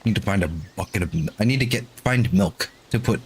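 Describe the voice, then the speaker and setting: A man's voice: lowish voice, brisk, a little hiss or hum. A man chatting casually while playing an online game with friends, rambling and restarting his sentences. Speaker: co-player on a gaming stream. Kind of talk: casual gaming chat.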